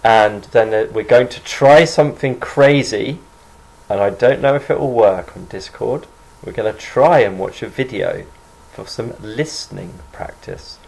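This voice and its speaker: A man teaching an online English class over a video call, encouraging his students and repeating words slowly for them. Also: medium pitch, vocal fry, a little mellow, low-quality recording.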